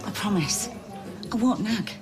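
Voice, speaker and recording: A woman's voice: medium pitch, expressive, a little slow, over music, lightly acted. An actress playing an exasperated but caring woman in a naturalistic TV soap, with a pleading, emotional manner.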